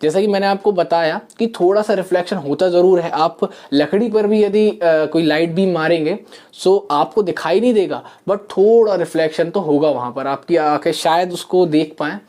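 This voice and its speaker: A man, teaching a science lesson in a soft voice from a small room, explaining step by step with many fillers and repeats. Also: a little high. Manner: soft-spoken. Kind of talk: classroom lesson. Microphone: camera mic.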